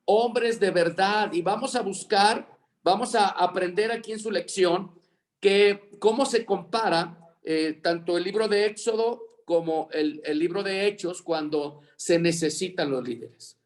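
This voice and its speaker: A man's voice: high voice, measured pace. A man teaching a Bible leadership lesson over a video call, dictating words for students to fill in and repeating them.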